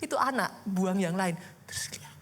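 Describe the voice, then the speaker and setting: A woman pastor, preaching a sermon in a lively, conversational way full of rhetorical questions. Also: mid-range voice, moderate pace, a little hiss or hum. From Indonesia.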